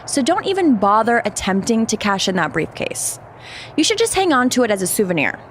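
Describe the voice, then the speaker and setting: In a video game cutscene, a woman voices a cocky, mocking female wrestler villain, trash-talking with sneering, boastful taunts. Her voice is on the high side, sing-song and brisk, carrying a little hiss or hum.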